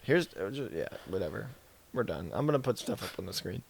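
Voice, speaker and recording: A young man hosting a vlog, worn out and shivering after a night run, talking excitedly and laughing between tired remarks. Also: sits low, brisk, creaky, breathy edge. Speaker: podcast host. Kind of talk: casual vlog chat.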